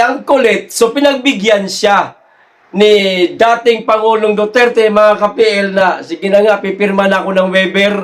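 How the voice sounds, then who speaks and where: A man's voice: very high-pitched, a bit bright. A man giving casual political commentary to his viewers, teasing and laughing often. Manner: teasing, laughing often, slow drawn-out delivery.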